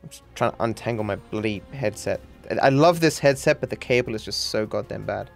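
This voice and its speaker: A man's voice: on the low side, fairly quick, vocal fry, faint music behind. A man in his thirties hosting a casual podcast chat, rambling and swearing freely with frequent laughs. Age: 30s. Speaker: podcast host.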